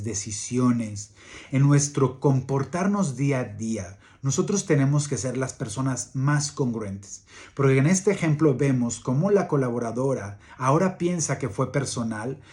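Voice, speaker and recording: A man giving a leadership coaching talk, earnest and repetitive, halting with fillers as he tells a workplace story. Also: mid-range voice, darkish tone. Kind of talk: motivational talk with anecdote.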